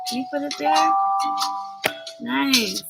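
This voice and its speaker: With music playing over her voice, a children's reading teacher chats on a casual livestream and walks a child through phonics, encouraging and instructing. She speaks high-pitched, slowly, and with a creaky quality.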